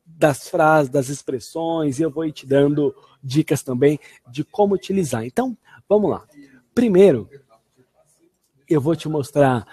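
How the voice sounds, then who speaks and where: Upbeat portuguese guy teaching english phrases online, kinda high voice, dry sound. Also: dark tone, slightly rough, no echo. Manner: upbeat, repeats English phrases slowly and expressively. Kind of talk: online language lesson.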